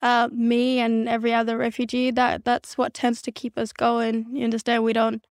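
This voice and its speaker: Her voice on the high side and monotone, a young woman raised in Kenya and Australia after a South Sudanese birth talks at a moderate pace in a candid conversational interview. She's reflective and earnest, frequently restarting, and the studio-quality recording has no room sound.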